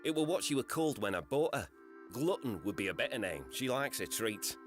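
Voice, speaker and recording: A man's voice: medium pitch, very animated, fairly quick, natural voice. A man playing a folksy travelling musician. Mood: easygoing. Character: friendly travelling musician man, young adult. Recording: game audio over music.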